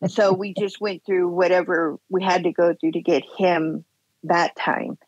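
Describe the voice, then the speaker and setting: Husky lower-voiced woman, middle-aged, telling it straight, dull lo-fi dry recording. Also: flat delivery, measured pace, darkish tone, dry recording. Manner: blunt, retells scenes with quoted dialogue. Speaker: podcast guest. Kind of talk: candid personal storytelling. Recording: dull lo-fi sound.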